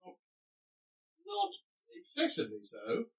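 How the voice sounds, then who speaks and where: A man's voice: high-pitched, huge pitch swings, measured pace, sharp tone, distant mic, low-quality recording. A man playing a tabletop game, speaking in a dry, matter-of-fact way. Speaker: player. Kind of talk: tabletop role-play.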